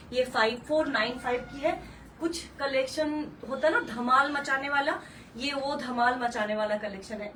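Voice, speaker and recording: A woman's voice: on the high side, a bit bright, distant mic, slight background noise, poor audio. A woman hosting a live saree sale, gushing and repeating color names, mixing English words into Hindi. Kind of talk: live-stream sales pitch.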